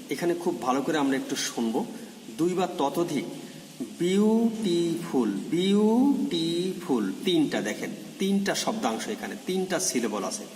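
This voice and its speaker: Echoey male grammar teacher. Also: medium pitch. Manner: repeats example words slowly and stresses them. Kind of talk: recorded grammar lesson. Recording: echoey room with long reverb, faint ambient hiss.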